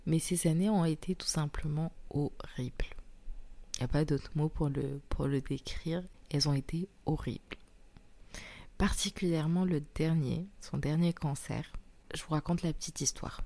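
A young woman hosting an intimate solo podcast while sick with tonsillitis, speaking softly through a very sore throat and often slipping into a breathy near-whisper. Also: deep voice, moderate pace. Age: young adult. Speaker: podcast host.

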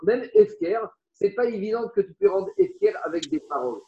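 A man's voice: sits high, wildly swooping pitch, moderate pace, gravelly. A man teaching a Talmud class to students, explaining with rhetorical questions and Aramaic terms mixed into his talk. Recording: roomy, dull lo-fi class recording.

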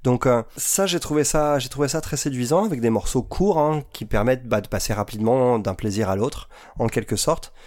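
A man's voice: medium pitch, a little fast, hardly any pauses, a little mellow. A man co-hosting a casual music show, giving careful opinions and searching for words with many fillers. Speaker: co-host.

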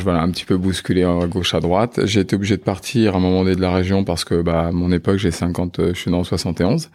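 Man, fifties, very low pitch, hesitant, casual interview talk. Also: darkish tone. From France. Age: 50s. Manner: hesitant, many filler sounds. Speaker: funeral home manager.

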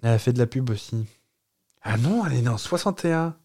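Playful, animated man blurting guesses. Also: medium pitch, fast, no echo, studio quality. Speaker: podcast co-host. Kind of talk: casual chat, guessing game.

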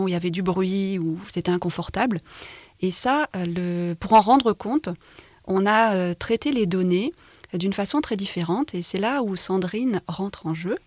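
A woman's voice: medium pitch, darkish tone, dry recording. Woman with an English accent, radio guest. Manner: hesitant, frequent filler sounds. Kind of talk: radio interview. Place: radio studio.

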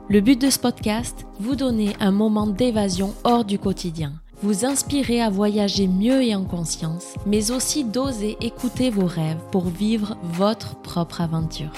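A woman presents a travel podcast, reading a scripted introduction in a clear, measured voice. Her pitch sits in the ordinary middle range for a woman. Music plays clearly underneath her. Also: warm tone. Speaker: podcast host.

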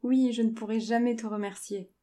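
A woman's voice: fairly high pitch, fairly even intonation, fairly quick, dark tone, pitched above the performer's own voice, lightly acted. A woman voicing an eager, impetuous young English lady who pleads and exclaims with urgency in a storybook reading. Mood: tender.

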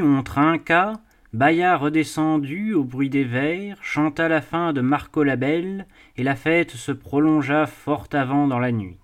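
A man narrating a classic novel as an audiobook with measured, expressive phrasing. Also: on the high side. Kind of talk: literary audiobook reading.

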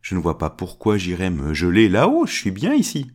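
A man voicing an easygoing poor peasant in a storybook, with a high, lively voice. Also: a little fast, exaggerated voice.

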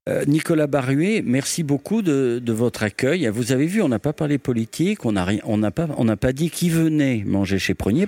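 A man's voice: medium pitch, a little mellow, dry recording. Male radio host, mid voice, jokey and theatrical, dry close sound. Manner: playful, theatrical questions. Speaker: radio interviewer. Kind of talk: radio interview. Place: restaurant.

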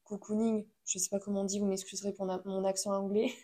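A woman's voice: mid-range voice, completely flat delivery, quick pace, mellow. A woman giving a casual motivational talk in French, chatty and addressing the listener directly, with frequent fillers.

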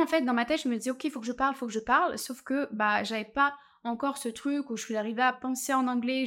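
Young woman vlogger, relaxed advice talk, restarts a lot, slightly high voice. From France. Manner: chatty, many fillers and restarts. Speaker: travel vlogger.

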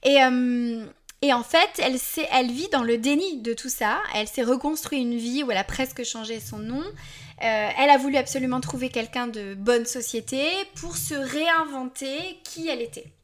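A woman in her forties with a slightly high voice hosts a casual podcast monologue. She talks to her listeners in a candid, chatty way. She often breaks off for asides and self-deprecating apologies. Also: moderate pace. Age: 40s. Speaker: podcast host.

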